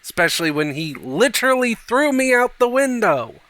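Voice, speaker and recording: A man voicing an exiled young male dog who speaks calmly and matter-of-factly. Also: very high voice, normal speed, no echo, pitched above the performer's own voice, full character voice, poor audio. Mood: dry.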